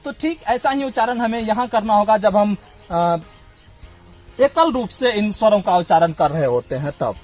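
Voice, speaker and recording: A man's voice: high voice, animated, moderate pace, faint music behind. A man from Bihar teaching a blackboard lesson, patiently sounding out vowels and explaining them step by step. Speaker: Hindi teacher.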